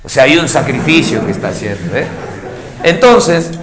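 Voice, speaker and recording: A man with a Peruvian accent teaching an economics class, lively, acting out students and parents as he goes. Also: medium pitch, moderate pace, crowd noise. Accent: Peruvian Spanish. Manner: animated, acts out student and parent voices. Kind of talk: classroom lecture. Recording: echoey room with faint noise.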